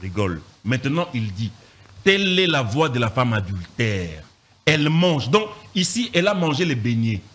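A man, a pastor teaching from the Bible in an animated, emphatic way, repeating phrases and firing rhetorical questions. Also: mid-range voice, moderate pace.

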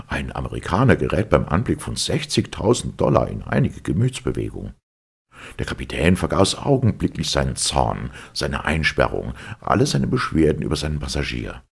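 Very deep, gravelly male audiobook reader. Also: huge pitch swings, normal speed. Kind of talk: scripted audiobook narration.

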